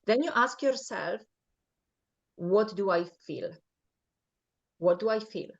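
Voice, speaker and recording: A Polish woman coach gives advice in an interview, speaking slowly at a medium pitch with vocal fry. She is earnest, with a Polish accent, and often checks in with "right?". The audio is muffled and lo-fi.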